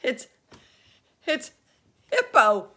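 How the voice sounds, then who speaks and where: Woman voicing a rude male rhinoceros for a storybook reading, mocking and giggly, wide-ranging and a bit husky. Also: low voice, big pitch swings, slow, fairly bright tone, exaggerated voice. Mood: laughing. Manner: growling, then laughing helplessly.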